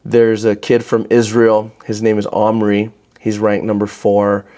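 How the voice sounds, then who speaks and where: A man's voice: lowish voice, monotone, measured pace, warm tone. A man hosting a casual podcast, talking in a rambling way with many restarts and fillers. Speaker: podcast host and gym owner.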